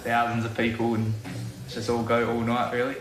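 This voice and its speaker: A man's voice: mid-range voice, monotone, moderate pace, music in the background. A young man with a New Zealand accent, talking in a laid-back way in a casual interview. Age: young adult.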